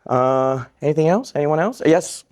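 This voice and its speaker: A man's voice: fairly high pitch, expressive, normal speed, darkish tone. A man from Vietnam who works as a psychiatrist, giving a live question-and-answer talk to students, upbeat and joking, repeating each question back.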